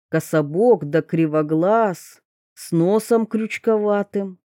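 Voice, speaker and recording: A woman narrating a folk-style fairy-tale audiobook in a measured storytelling way. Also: medium pitch, warm tone, no echo, clean studio sound.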